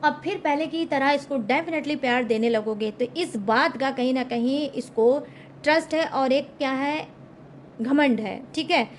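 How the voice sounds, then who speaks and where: A woman's voice: high voice, unhurried, slight background noise. A young woman giving a casual tarot reading to her viewers, chatty and emphatic, checking in with them often. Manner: chatty, repeats "ठीक है?" and "guys" often; emphatic, confident predictions. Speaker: tarot reader.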